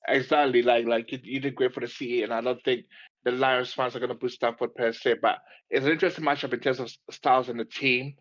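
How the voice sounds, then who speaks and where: A man co-hosts a football podcast in a relaxed, lightly teasing voice. His pitch is average, and the recording sounds slightly dull and lo-fi. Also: fast talker. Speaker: podcast co-host. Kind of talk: casual sports chat.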